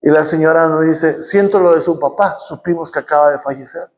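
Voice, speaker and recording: High-voiced Mexican pastor preaching. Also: male voice, fairly quick. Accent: Mexican Spanish. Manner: storytelling, rising to passionate shouting. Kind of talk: sermon. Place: church.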